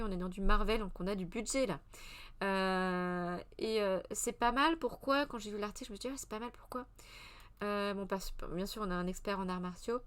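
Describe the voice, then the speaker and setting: Chatty woman rambling through a live review. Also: mid-range voice. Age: 30s. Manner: chatty and meandering, with many hesitations and self-corrections; answers the live chat as she goes. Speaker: streamer hosting a culture press review. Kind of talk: casual live press review.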